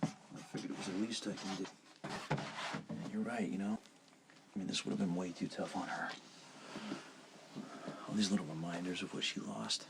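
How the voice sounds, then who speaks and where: An actor playing a gentle, wistful brother in a soap opera, speaking softly and reflectively with hesitant pauses. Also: male voice, low voice, steady tone, background noise. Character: gentle, wistful older brother recalling a lost child. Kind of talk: soap opera dramatic acting. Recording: music under the dialogue.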